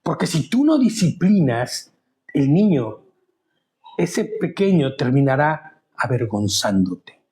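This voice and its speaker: Higher-voiced guy leading a bible study, chatty, keeps asking the group questions. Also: very animated, takes it slowly, warm tone. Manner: chatty, asks listeners questions. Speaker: Bible teacher.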